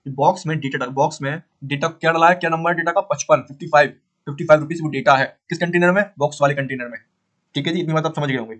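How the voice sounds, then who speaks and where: A man teaching a beginner coding lesson in a casual way, repeating points and asking and answering his own questions, often pausing to fix his drawing. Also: on the high side, fairly bright tone. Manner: frequent pauses to fix the drawing.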